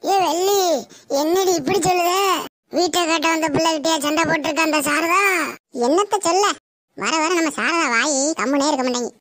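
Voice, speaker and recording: A woman's voice: very high-pitched, normal speed, fairly bright tone, no room sound. A woman voicing a chatty, fussing village neighbor with a Tirunelveli Tamil accent, gossiping and making peace.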